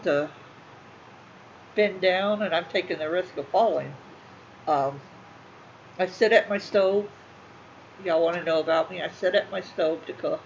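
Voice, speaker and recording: A middle-aged woman, talking casually and emotionally to her viewers, halting and repeating herself. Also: lowish voice. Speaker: channel host. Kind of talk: casual talk to livestream viewers. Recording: slightly muffled with faint room noise.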